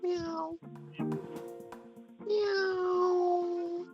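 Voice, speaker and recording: A woman's very high, slow voice comes through a doorbell speaker in muffled lo-fi sound. She calls and meows playfully to her cat, with clear music over it. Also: level tone. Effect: doorbell intercom speaker. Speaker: cat owner talking to pet. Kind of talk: calling and meowing to a pet over a doorbell speaker. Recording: dull lo-fi doorbell audio under music.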